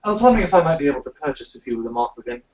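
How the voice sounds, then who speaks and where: A man voicing a wealthy, pompous male merchant with a put-on British accent, haggling in a smooth, courteous way. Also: fairly high pitch, very animated, racing. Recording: roomy, distant, dull amateur recording.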